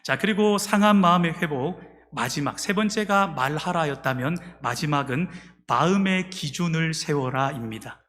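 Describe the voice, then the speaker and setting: Male pastor, high voice, lively sermon delivery with call-and-response, long church reverb. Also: normal speed. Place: church sanctuary.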